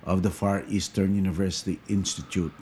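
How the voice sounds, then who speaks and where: A man in his sixties with a Filipino accent, a law dean answering interview questions in a calm, unhurried way. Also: sits low, a little hiss or hum. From Philippines. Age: 60s.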